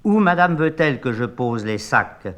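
A man's voice: medium pitch, very animated, normal speed, a bit bright. An older man voicing a nervous young male assistant who stammers apologies.

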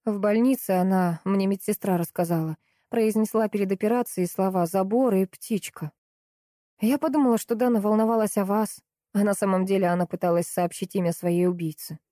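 A woman narrating a first-person audiobook in an even, measured reading. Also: medium pitch, no echo, clean studio sound. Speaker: audiobook reader.

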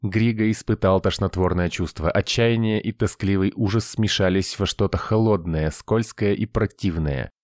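A man narrating a science-fiction audiobook in an even, measured way. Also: lowish voice, dry recording, studio quality.

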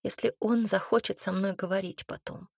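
A tearful, stubborn young woman, as a woman narrator plays her in an audiobook, talking in a weak, pleading, troubled way. The voice is husky and close, in a dry room. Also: medium pitch, steady tone, normal speed, no room sound.

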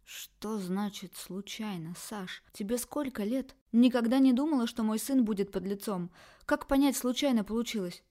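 Female reader doing a distressed, reproachful middle-aged mother, a bit higher and louder than the narration. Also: moderate pace, lightly acted. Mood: shocked scolding. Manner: pleading, scolding, emotional. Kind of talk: audiobook character voice.

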